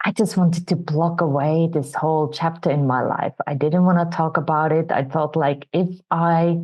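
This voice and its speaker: A Finnish woman with a Finnish accent appears as a guest on an interview show and shares her personal story softly and reflectively. Her voice is deep and steady, her pace moderate, and the audio sounds dull.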